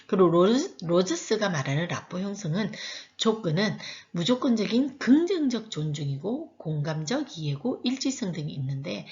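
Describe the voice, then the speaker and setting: A woman's voice: lowish voice, highs cut off. A woman lecturer explaining course material in a recorded lecture, with fillers and self-corrections.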